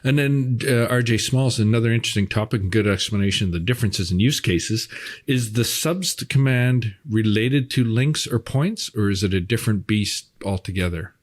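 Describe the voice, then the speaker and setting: A man's voice: fairly low pitch, normal speed. A middle-aged man, reading viewer questions and chatting in an easygoing way. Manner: easygoing, reads questions, laughs often. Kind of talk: casual chat.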